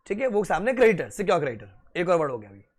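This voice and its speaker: High-voiced lecturer quizzing his students. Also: sing-song, racing. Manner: quizzing, playful, answers his own questions; mixes Hindi and English. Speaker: teacher. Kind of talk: classroom lecture.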